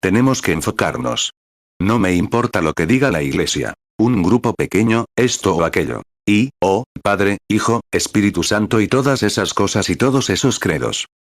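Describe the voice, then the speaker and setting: A man preaching a sermon in an earnest way, full of rhetorical questions and a measured delivery. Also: fairly low pitch, lively intonation, no echo, clean studio sound. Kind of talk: sermon read in translation.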